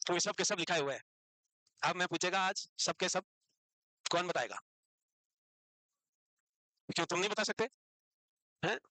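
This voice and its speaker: A man teaching psychiatry to a class, brisk and scolding, calling his students "beta" and mixing English medical terms into his Hindi. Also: high voice, pushed and bright, no echo. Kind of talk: classroom lecture.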